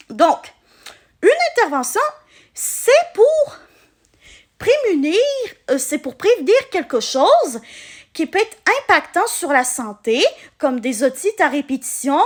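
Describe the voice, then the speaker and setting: A woman with a Québécois French accent chats to her vlog viewers in a high voice. Her pitch moves up and down a lot while the pace stays slow. She explains things casually, halting mid-sentence as she goes. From Quebec, Canada. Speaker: vlogger. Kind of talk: casual personal storytelling to camera.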